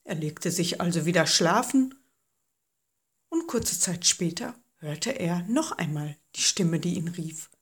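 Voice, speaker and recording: A woman reads a children's Bible story aloud, gentle and unhurried. Her delivery is slow and her voice a little husky, and her melody rises and falls with plenty of life. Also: lowish voice, lively intonation.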